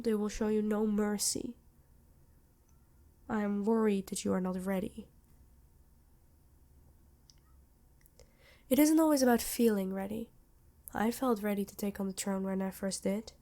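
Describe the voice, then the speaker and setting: Playing an ancient vampire queen for ASMR, this woman sounds soft and mellow, both regal and maternal, protective yet anxious. She speaks formally and tenderly in measured phrases broken by pauses. Her natural voice stays mid-range with fairly even intonation.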